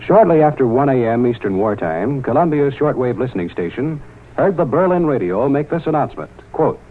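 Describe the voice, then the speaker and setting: A man reading a formal wartime radio news bulletin in a measured announcer delivery, with the sound of an old newsreel broadcast. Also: medium pitch, very animated. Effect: old newsreel-style radio broadcast sound. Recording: tinny, narrow-band 1940s radio broadcast.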